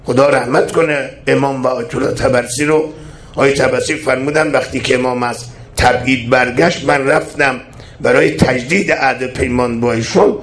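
A man's voice: medium pitch, fairly even intonation, a bit bright, reverberant. A man preaching an impassioned sermon, firing rhetorical questions and reciting scripture in a chant-like cadence. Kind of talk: religious sermon.

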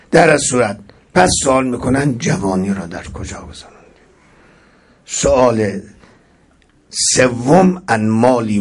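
A man delivering a religious sermon with a husky voice, reciting verses and swinging between sudden loud rises and soft drops. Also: on the low side. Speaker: preacher.

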